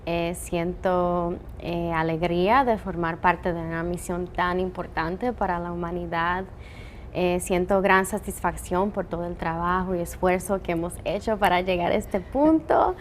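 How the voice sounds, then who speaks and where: A woman's voice: on the low side, fairly even intonation, unhurried, a little hiss or hum. A woman from the Dominican Republic, an engineer, answering interview questions earnestly with many "eh" fillers. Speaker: telescope operations engineer.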